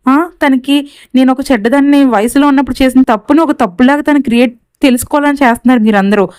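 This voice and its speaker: A woman voicing a young mother who fires sharp, accusing questions. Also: high-pitched, clean tone, no room sound, lightly acted.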